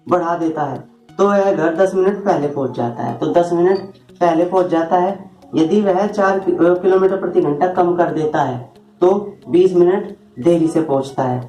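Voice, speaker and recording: A man's voice: sits high, mellow, roomy sound. A man teaching a math lesson at a board, talking informally and often asking his students rhetorical questions as he works through each step. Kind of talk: board lesson explaining shortcuts.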